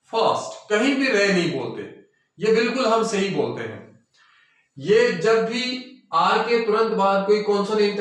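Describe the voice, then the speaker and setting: A high-pitched man teaching a pronunciation lesson, spelling out each word and asking the listener to repeat it. His voice rings with heavy echo, and he sounds some distance from the mic. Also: fairly bright tone. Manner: spells words letter by letter, repeats them, quizzes the listener. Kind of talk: classroom-style lesson. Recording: very echoey room, voice far from the mic.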